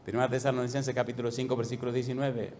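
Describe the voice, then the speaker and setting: A middle-aged male pastor preaching a sermon, pressing the congregation with repeated questions and dropping to a soft low voice at the ends of phrases. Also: flat delivery, racing.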